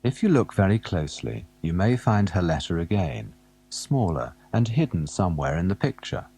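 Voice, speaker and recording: A man narrating a children's alphabet storybook, gently asking the young listener questions as he goes. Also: low-pitched, very animated, moderate pace, breathy edge.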